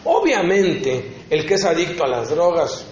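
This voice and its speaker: A preacher teaching at a prison ministry congress speaks in a somewhat high, sing-song voice, unhurried and heartfelt, playing out brief conversations as he tells his story. His words echo dully around the conference hall over slight hiss or hum.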